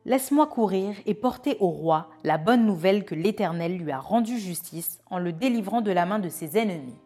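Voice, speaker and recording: A woman's voice: medium pitch, lively intonation, moderate pace, mellow, soft background music, natural voice. A woman voicing an eager young male messenger who pleads to run with the news.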